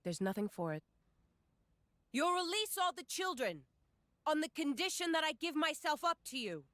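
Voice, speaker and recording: A woman's voice: sits high, big pitch swings, moderate pace, fairly bright tone. A woman playing a defiant, protective heroine in a video game, firm and dramatic. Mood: resolute, protective. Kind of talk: video game cutscene acting.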